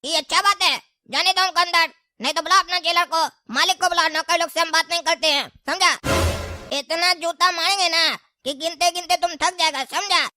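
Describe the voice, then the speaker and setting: A woman's voice: very high voice, fairly even intonation, a little fast, sharp tone, no room sound, heavily acted. A woman voicing a cheeky, short cartoon man who talks in a cocky, bossy way. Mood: defiant. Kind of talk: cartoon comedy voice acting.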